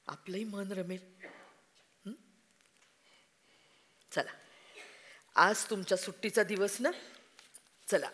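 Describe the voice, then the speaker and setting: Anxious doting mother, stage reading; slow, bright, long hall echo. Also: lowish voice. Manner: coaxing, emotional, slow and deliberate. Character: anxious devoted mother of a troubled son. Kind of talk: live stage drama reading. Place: festival auditorium stage.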